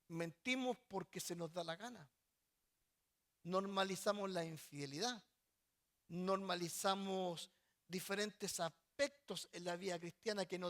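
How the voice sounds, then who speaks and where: A man pastor preaching a sermon, often repeating words and pausing mid-sentence before stressing his points. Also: high voice, fairly bright tone. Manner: halting, repeats words while searching, then stresses points.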